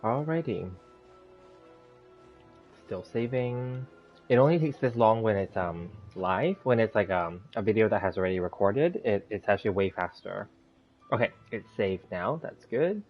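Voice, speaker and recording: A man's voice: on the low side, animated, measured pace. A man chatting casually as he hosts a gameplay livestream, rambling through each step, with a slight lisp as if he just bit his tongue. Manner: rambling step-by-step self-narration. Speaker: live-streaming game host. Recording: dull, lo-fi sound, background music. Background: music.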